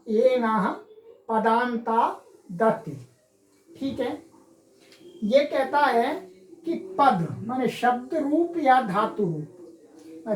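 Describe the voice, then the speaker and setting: A woman's voice: sits high, a little mellow, reverberant, poor audio. A woman teaching Sanskrit grammar, explaining step by step and asking and answering her own questions. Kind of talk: classroom lecture.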